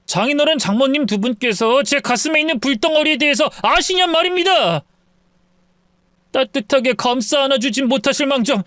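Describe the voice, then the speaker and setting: A man voicing a drunk, self-pitying young husband who pleads in a slurred, drawn-out way. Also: extremely high pitch, a bit bright, dry recording, clean studio sound, voice pushed up. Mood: tearful pleading.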